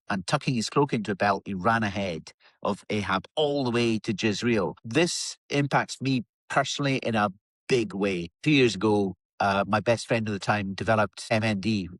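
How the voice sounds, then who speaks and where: A man's voice: lowish voice, a bit bright, dry recording, low-quality recording. A man co-hosting a casual Bible discussion, reading scripture aloud and telling a personal story in a reflective way.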